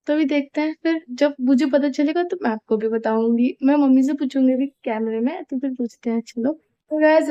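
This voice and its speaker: A woman's voice: fairly high pitch, warm tone, lo-fi sound. A young woman chatting casually in a home vlog, rambling and apologetic, with a sore throat. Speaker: vlogger. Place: family home, indoors.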